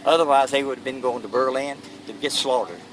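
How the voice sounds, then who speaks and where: An elderly man with a Kentucky accent recalling war service in a plain-spoken, halting interview style. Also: mid-range voice. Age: elderly, 80s or older. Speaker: World War II veteran being interviewed. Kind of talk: first-hand war recollection. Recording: noisy, distant mic, vehicle-like background noise.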